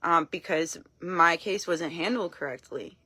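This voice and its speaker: A woman talking casually on a live stream, frank and blunt, telling her story in an animated way and acting out what people said. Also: on the low side, measured pace, slightly rough, dry recording. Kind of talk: casual talk to camera.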